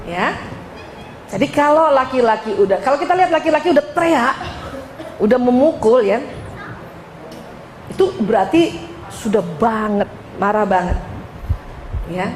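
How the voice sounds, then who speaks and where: Woman, religious lecturer, playful, questions the audience, high voice, faint room noise. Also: echoey room, poor audio. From Indonesia. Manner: lively, joking, addresses audience directly.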